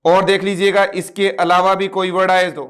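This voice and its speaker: The speaker is a man with a high-pitched, flat voice, a moderate pace, and a fairly bright tone, giving an online class lecture on English. Words are spelled out letter by letter for students to repeat, and he repeats terms and quizzes listeners rhetorically.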